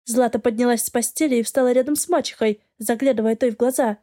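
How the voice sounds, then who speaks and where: A woman narrating a novel in the first person, in a measured storytelling way. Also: fairly high pitch, dark tone. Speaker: audiobook reader.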